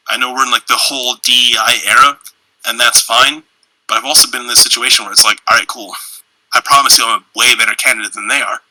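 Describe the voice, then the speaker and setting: Young dude on a podcast, super bright husky voice, swears a lot, dry close sound. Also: male voice, mid-range voice, no echo, rough recording. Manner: loose, profane, animated storytelling. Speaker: podcast co-host. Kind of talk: casual chat.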